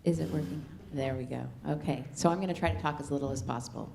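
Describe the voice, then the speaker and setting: Female facilitator, mellow tone, brisk informal moderating, faint background noise. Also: deep voice, vocal fry. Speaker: panel facilitator. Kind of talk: conference panel moderation.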